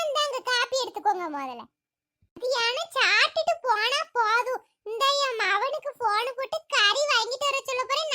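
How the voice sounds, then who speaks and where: High bright chatty village voice. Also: female voice. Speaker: voice of all cartoon characters. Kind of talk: village cartoon comedy voicing.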